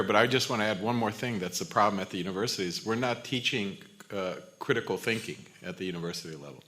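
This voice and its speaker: A man on a forum panel, speaking in an earnest, measured way. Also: fairly low pitch, bright, forceful tone. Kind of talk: panel discussion.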